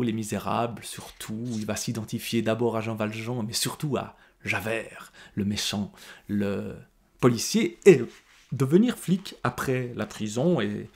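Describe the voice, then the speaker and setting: Male book reviewer reading aloud with feeling, then chatting about the book, mid pitch. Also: creaky. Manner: expressive reading, lingers and drops to near whispers.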